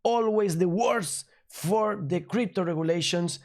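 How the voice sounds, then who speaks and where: A man from Spain with a Spanish accent, a native Spanish speaker hosting a news commentary show in an upbeat, emphatic, slightly halting way. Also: high voice. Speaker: crypto news channel host.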